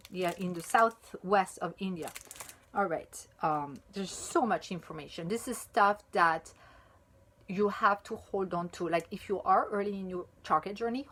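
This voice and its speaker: With slight background noise behind her, a woman from France speaks in a lowish, French-accented voice; French is her native tongue. She muses casually over chocolate in a video review, full of fillers and excited outbursts.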